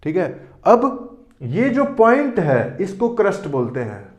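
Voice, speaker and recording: A man's voice: high-pitched, huge pitch swings, a little slow, highs cut off. A man teaching a board lesson who asks questions and answers them himself, often saying "theek hai". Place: classroom with board. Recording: echoey room.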